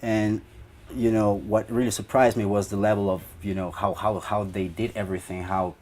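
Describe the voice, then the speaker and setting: A man's voice: lowish voice, little pitch movement, normal speed, darkish tone. A young man from Ecuador, a band guitarist, answering interview questions in a rambling way with many fillers.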